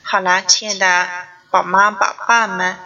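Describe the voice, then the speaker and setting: A mother hosts a parenting class and shares a family story in a chatty, homely way. Her voice is bright and forward, at an ordinary pitch for a woman. The recording sounds dull and lo-fi. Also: little pitch movement, a little slow.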